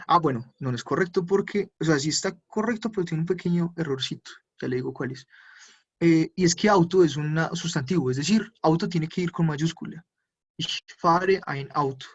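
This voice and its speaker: A husky, fairly high-voiced man, teaching German grammar step by step to a class. The sound is dull and muffled. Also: fairly quick. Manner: explains step by step, switching between Spanish and German drills. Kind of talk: online class explanation.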